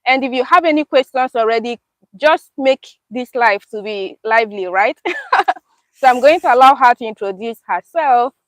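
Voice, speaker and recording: A woman's voice: a little high, expressive, normal speed, dry recording, rough recording. A young woman hosting a casual live-stream chat in a park, upbeat and laughing often. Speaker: YouTube host. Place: outdoors in a park.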